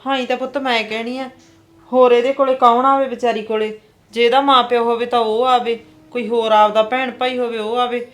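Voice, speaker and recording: A woman's voice: a little high, level tone, fairly quick. A woman with a Punjabi accent acting a kind, pleading aunt in a drama. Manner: gentle and pleading. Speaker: actress playing an aunt.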